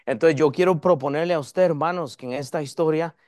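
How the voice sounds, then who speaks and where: A man preaching a sermon as pastor, in a lively, conversational way and addressing the congregation as brothers. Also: fairly high pitch, brisk, no room sound, studio quality. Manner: lively preaching, varies loudness and pace.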